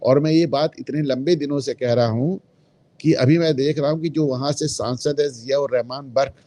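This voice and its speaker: A man's voice: medium pitch, steady tone, normal speed, mellow, no room sound. A man speaking as a guest in a political discussion, emphatic and opinionated, dropping English phrases into his talk. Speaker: guest commentator.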